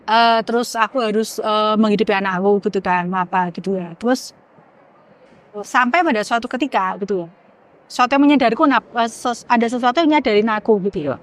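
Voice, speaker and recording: A woman, sharing a candid personal testimony as a podcast guest. She speaks emotionally and haltingly, often searching for words. She sounds teary-eyed. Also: a little high.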